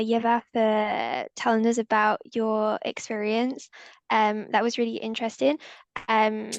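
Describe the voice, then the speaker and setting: A woman's voice: fairly high pitch, vocal fry, dry recording. A woman hosting a university webinar on a video call, speaking with many fillers and repeated words. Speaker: webinar host. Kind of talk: webinar moderation.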